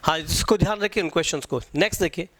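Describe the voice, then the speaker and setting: A man's voice: fairly high pitch, fast talker, a bit bright. A man teaching an exam-prep lecture. He repeats key points and quizzes his students.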